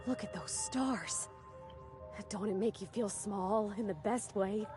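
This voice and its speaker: An actress voicing a folksy, gentle young woman companion who talks plainly and softly. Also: medium pitch, slow, lightly acted. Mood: awed. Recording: game dialogue over clear music.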